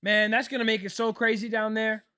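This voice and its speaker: Bright-voiced young man chatting on a live stream. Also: high-pitched, a little fast, clean tone. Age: 20s. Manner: relaxed, chatty, answers chat questions, says "bro". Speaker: livestream host. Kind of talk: casual live-stream chat and game reactions.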